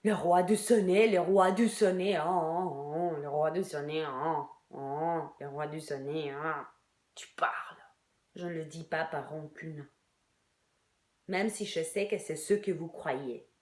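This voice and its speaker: A woman's voice: low voice, unhurried, long pauses, echoey room. An actress playing a heartbroken, bitter Irish woman in a theatre monologue, crude and sardonic, sometimes dropping to a whisper. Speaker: actress in a one-woman show.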